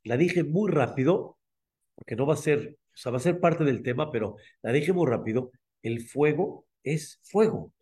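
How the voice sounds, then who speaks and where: A male rabbi with a Mexican Spanish accent preaches a sermon in an emphatic, storytelling style. His voice is a little high and darkish in tone, and he hammers home points by repeating key words, occasionally pausing to clear his throat.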